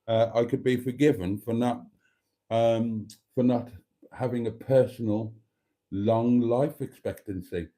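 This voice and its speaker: This British vlogger in his fifties has a dark tone and a voice on the low side. On his casual live stream he rambles with frequent ums, jokes about himself and calls viewers darlings.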